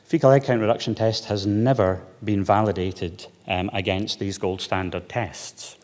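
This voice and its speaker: A Scottish man speaks at a lectern in a conference hall, his lowish voice trailing off into a long reverb. He talks in a measured way, with frequent pauses and fillers. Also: fairly even intonation, a little mellow. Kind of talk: conference talk.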